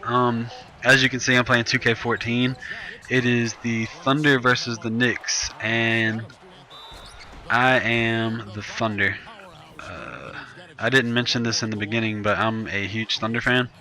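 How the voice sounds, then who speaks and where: A man's voice: mid-range voice, unhurried, bright, forceful tone, poor audio. A nineteen-year-old man, chatting loosely over his gameplay as a gaming YouTuber and often correcting himself. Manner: loose, rambling, self-correcting chat. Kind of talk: casual gameplay commentary.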